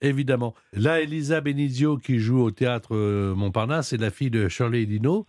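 A man hosting a radio show, presenting a quiz question and interviewing a guest in a brisk, lively way. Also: medium pitch, no echo. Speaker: radio host running a quiz.

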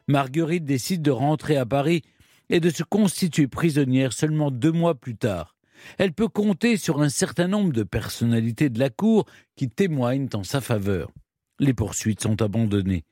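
A man telling a history story in measured, scripted narration with dramatic pauses. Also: mid-range voice, dark tone, no room sound, studio quality.

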